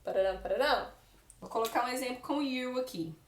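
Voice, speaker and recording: A woman's voice: a little high, fairly quick, reverberant. A Brazilian woman teaching English grammar in Portuguese, patiently explaining and often checking in with her students. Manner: explains patiently with frequent "né?" and "tá bom?" check-ins. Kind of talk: classroom-style grammar lesson. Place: room where she writes on a board.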